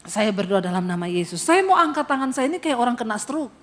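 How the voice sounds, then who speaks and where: A woman pastor preaching a sermon, telling a story with lively acted-out voices and calling out to the congregation. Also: on the high side, fast talker, big-room sound. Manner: animated storytelling, acting out voices, addressing congregation as brothers.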